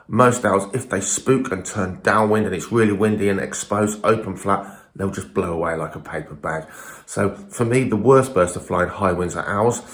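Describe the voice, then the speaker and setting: A man's voice: lowish voice, reverberant. A man giving an informal, emphatic and opinionated talk to camera as a falconer presenting his own video, often throwing in rhetorical questions.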